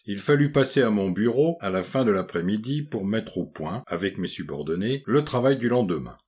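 A man narrating a first-person novel as an audiobook, in a measured, even storytelling delivery. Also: medium pitch, husky.

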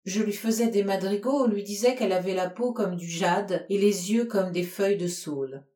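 A woman reading a storybook, voicing a suave, evasive man who answers with calm, light mockery, in a lower voice than her narration. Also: moderate pace, roomy sound, lightly acted. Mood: nonchalant.

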